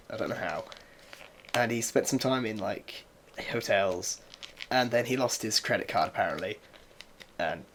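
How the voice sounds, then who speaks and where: A young English man co-hosting a podcast rambles through stories in casual chat, full of fillers and laughter. His voice is on the low side, with a little hiss or hum on the recording.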